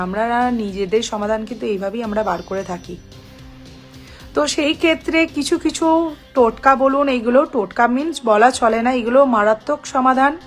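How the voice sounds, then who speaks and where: Bengali woman astrologer teaching steadily. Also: a little high. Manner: instructive, repeats points and spells out syllables slowly. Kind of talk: spiritual advice talk to viewers.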